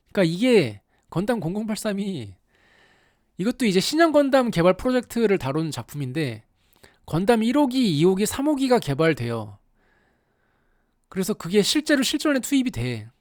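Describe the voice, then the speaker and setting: A commentator telling a story in a casual, animated way, with exaggerated asides and rhetorical questions to the audience. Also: mid-range voice, normal speed, pauses often, dry recording, studio quality. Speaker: YouTube anime commentator.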